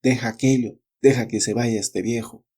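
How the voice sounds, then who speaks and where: A man's voice: lowish voice, slow, a little mellow, husky, exaggerated voice. A man voicing a greedy middle-aged son in a storybook reading, curt and commanding in his lines. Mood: angry.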